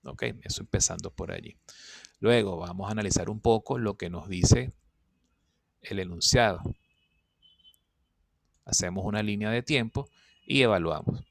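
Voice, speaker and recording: Gravelly man explaining solved problems. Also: fairly low pitch, moderate pace, long pauses, dry recording. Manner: patient, checks understanding with "¿ok?" and "fíjense". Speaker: statistics teacher.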